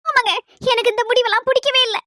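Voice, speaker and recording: Woman doing a shrill young village wife. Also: fairly even intonation, sharp tone, no echo. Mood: pleading. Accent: Kanyakumari Tamil. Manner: quick, shrill, emphatic. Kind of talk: comic family skit.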